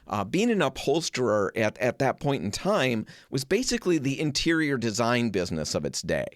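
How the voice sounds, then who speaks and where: Lively, chatty middle-aged man. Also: medium pitch, normal speed, no echo, studio quality. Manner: chatty, animated, many asides. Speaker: host. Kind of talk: casual storytelling on a home improvement show.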